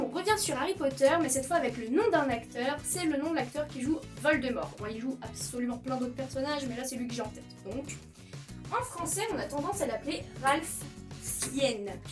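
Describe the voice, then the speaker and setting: A playful young woman hosts a casual explainer video, her voice sitting high and bright. She stresses the mistakes with mock horror. She sounds a little far from the mic, with faint music underneath. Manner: playful, emphatic, exaggerates mistakes. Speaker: YouTuber teaching pronunciation.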